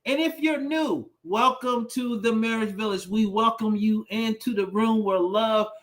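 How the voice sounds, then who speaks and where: A man co-hosting a marriage livestream as a pastor, talking in a lively, preacher-like way with call-and-response catchphrases. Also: sits high, unhurried. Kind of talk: casual chat on a livestream.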